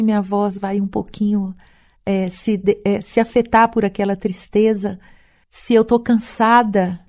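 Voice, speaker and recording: A woman's voice: mid-range voice, darkish tone. A woman singer speaking thoughtfully in an interview, often adding a questioning tag to her sentences. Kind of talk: reflective interview talk.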